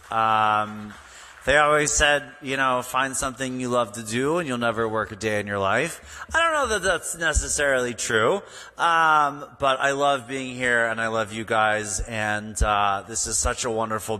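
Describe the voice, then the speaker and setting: A male rabbi talks to his congregation in a chatty, halting way, full of ums and restarts. His voice is bright and forward, at a middle pitch. The sound rings with the long reverb of a large sanctuary. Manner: chatty, warm-hearted, halting with fillers. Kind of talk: casual remarks from the pulpit. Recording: reverberant hall.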